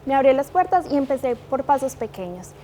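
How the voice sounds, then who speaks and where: A woman's voice: sits high, big pitch swings, fairly quick, warm tone, slight background noise. A Colombian woman in her thirties with a Manizales accent, talking earnestly as an interview guest. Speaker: guest, liquor brand manager. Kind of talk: interview conversation.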